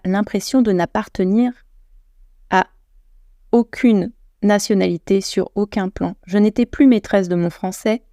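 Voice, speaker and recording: A chatty French woman delivers a solo podcast monologue, self-deprecating and full of restarts and self-corrections. Her mid-range voice is mellow, and the sound is close and dry with no room sound.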